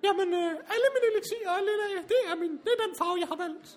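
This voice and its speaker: Very high-pitched eccentric wizard. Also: male voice. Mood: chirpy, busy. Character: eccentric male wizard brewing purple potions, cheerfully bossy. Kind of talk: comic role-play drama.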